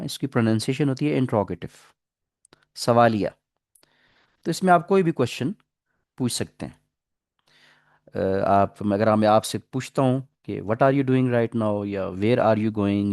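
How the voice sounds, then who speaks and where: A man teaching English grammar in a classroom lecture, explaining patiently, reading English example sentences slowly and asking the class questions. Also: mid-range voice, darkish tone, no echo, clean studio sound. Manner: asks the class questions and repeats answers.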